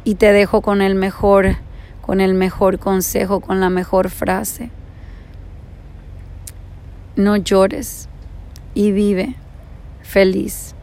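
Story parable: woman voicing calm Buddhist master, unhurried, gravelly, flat delivery. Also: mid-range voice. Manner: slow, composed and consoling.

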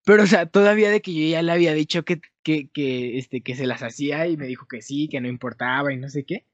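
A man's voice: a little high, fast talker, no room sound. Young Mexican guy telling a rambling story. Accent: Mexican Spanish. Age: young adult. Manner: rambling, self-correcting, lively storytelling. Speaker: storyteller among friends. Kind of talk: casual chat. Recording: dull dry lo-fi sound.

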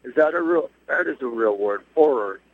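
A man's voice: medium pitch, animated, moderate pace, no echo. A man calling in by cell phone from a bus, his voice coming through a tinny phone line that keeps breaking up. He chats loosely and calls people dude. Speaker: caller phoning in to a live show. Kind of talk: casual phone chat. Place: on a moving bus.

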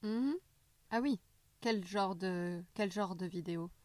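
A woman's voice: medium pitch, takes it slowly, darkish tone, no room sound. A woman in casual conversation, sharing advice on learning languages, speaking hesitantly with frequent fillers and restarts. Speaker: language learning chat partner.

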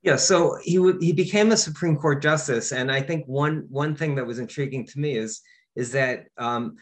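A man's voice: medium pitch, moderate pace. A man from upstate New York, an author and lawyer, answering interview questions with many fillers and restarts.

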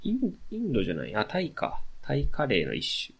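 A man's voice: medium pitch, huge pitch swings, a little fast, creaky, breathy edge. A young man with a Kansai accent, co-hosting a casual podcast chat, laid-back and laughing along. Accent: Kansai Japanese. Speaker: podcast co-host.

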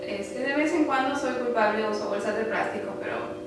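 A young woman from Ciudad Juárez, Chihuahua, Mexico, with a northern Mexican accent, chats playfully and uses slang, mixing in bits of English. Her voice is on the high side at a moderate pace. She is recorded off mic from a distance in a very echoey room, with a noisy background and music behind her.

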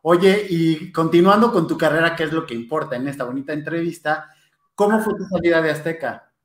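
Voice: medium pitch, fairly quick. Conversational interviewer in a roomy space. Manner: conversational, supportive back-channeling. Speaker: interviewer, former show staffer. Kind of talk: casual interview. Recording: roomy recording.

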